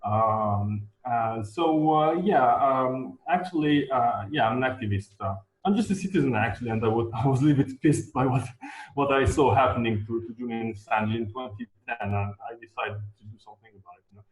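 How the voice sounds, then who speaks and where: A man from Algeria, an activist guest speaking in a live online interview, halting with many fillers and repeated words. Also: mid-range voice. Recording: echoey, dull lo-fi remote audio.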